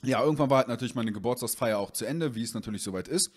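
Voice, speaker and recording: A man's voice: medium pitch, very fast, slightly rough. A young man, a vlogger, casually telling a funny story from his youth and rambling with fillers as he acts out the conversation. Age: young adult. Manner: rambling with fillers, reenacts dialogue.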